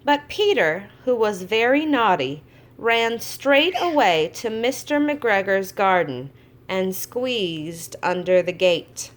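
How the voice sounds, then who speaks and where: A woman's voice: mid-range voice, slow pace, a little hiss or hum. A woman reading a storybook aloud to young children, expressively, with chatty little asides. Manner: expressive, acts out exclamations, adds chatty asides to young listeners. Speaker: kindergarten teacher reading to class.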